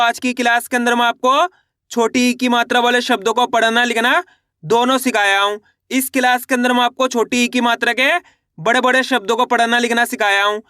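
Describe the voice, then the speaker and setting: A man teaching a reading lesson in a slow, patient way, repeating each syllable and saying the model sounds lower. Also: pushed and bright, clear, resonant tone, no echo, clean studio sound.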